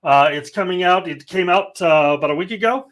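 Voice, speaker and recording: A man's voice: high voice, brisk, fairly bright tone. A man hosting a casual live coding show, joking and rambling as he walks through a demo. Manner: joking, rambling, self-deprecating. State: slightly out of breath. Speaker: host of a developer livestream.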